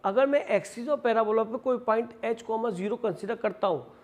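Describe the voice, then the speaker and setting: A man's voice: very high voice, brisk, darkish tone, muffled recording. A man teaching maths in a classroom lecture, explaining step by step, asking and answering his own questions, and calling students "beta" as he mixes English math terms into his talk with an Indian accent. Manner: addresses students affectionately as "beta"; switches between Hindi and English math terms.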